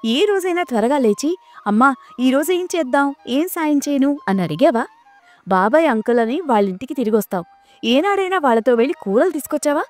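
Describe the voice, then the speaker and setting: A woman voicing a nagging, quick-tempered middle-aged mother in a spoken story, scolding in rapid complaints. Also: high-pitched, lively intonation, darkish tone, no echo, soft background music, pitched above the performer's own voice.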